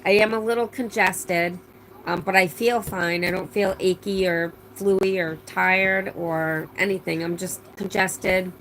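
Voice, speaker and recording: Reading viewer comments on her live stream, a middle-aged woman chats and rambles with many fillers and restarts, her voice slightly strained after laryngitis. It's lowish, steady and a bit bright, at a measured pace; the low-quality recording has a little hiss or hum.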